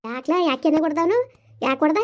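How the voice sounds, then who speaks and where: A woman's voice: sits high, quick pace, natural voice. Woman playing a weary village mother. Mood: firm. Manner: pleading, hushing, complaining of her own hardship. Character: weary rural mother calming her angry daughter. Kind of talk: village family comedy skit. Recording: dull lo-fi audio.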